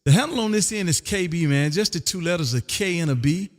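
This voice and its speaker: A man from Texas, his voice a little high and expressive, makes ham radio contact calls and chats casually on a live stream. Working from a home radio room, he plays the folksy showman, with drawn-out call signs and plenty of "man" in his speech. The audio has a long reverb that sounds like a hall.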